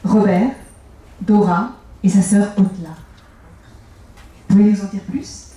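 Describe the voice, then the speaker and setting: A woman's voice: mid-range voice, steady tone, slow, dark tone, recorded from a distance. A woman moderating a live book talk, asking poised, polite questions. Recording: echoey room, from afar.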